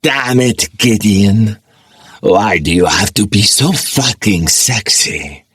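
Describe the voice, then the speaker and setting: A man's voice: fairly low pitch, animated, slow, a bit bright, breathy edge, no echo, clean studio sound, pitched above the performer's own voice, exaggerated voice. A male narrator voicing a flirty, teasing woman who is a huge spectral werecat, speaking lines from an audiobook. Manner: teasing, flirty, mock-scolding. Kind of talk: audiobook character voice.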